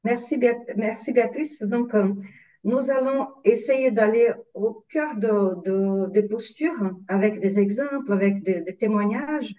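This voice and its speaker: A woman's voice: medium pitch, unhurried, mellow, distant mic, lo-fi sound. A woman moderating an online panel off the cuff, hesitant and repeating words as she goes. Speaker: webinar moderator.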